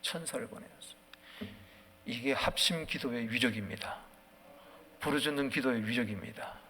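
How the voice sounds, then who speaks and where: A man preaching at a dawn prayer service, swinging from quiet musing to loud, fervent calls. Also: medium pitch, normal speed, slight background noise. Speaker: pastor. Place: church sanctuary. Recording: long church hall reverb.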